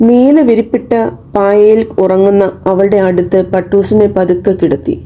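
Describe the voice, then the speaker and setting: A woman reading a children's story aloud, expressive and switching into voices for each character. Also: mid-range voice.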